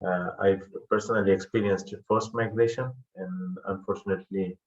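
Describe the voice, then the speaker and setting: Man from Afghanistan, very low voice, hesitant with fillers, muffled video-call audio. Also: fairly even intonation, moderate pace. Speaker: panel guest. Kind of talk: online panel talk.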